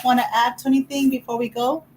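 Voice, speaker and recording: A woman's voice: high-pitched, little pitch movement, quick pace, noisy background. A woman vlogger chatting casually, rambling and effusive with many restarts. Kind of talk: casual chat.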